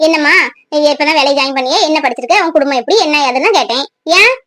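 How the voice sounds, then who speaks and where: A woman's voice: fairly bright tone, dry recording. A woman voicing a nagging middle-aged widowed mother who scolds her grown children in a cartoon. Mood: indignant. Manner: shrill, scolding, rapid-fire. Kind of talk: cartoon voice acting.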